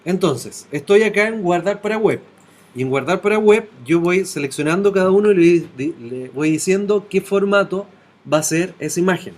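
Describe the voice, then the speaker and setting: Higher-voiced man teaching a class. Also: animated, moderate pace. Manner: talks step by step, checking in with students. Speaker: web design teacher. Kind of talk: classroom software tutorial.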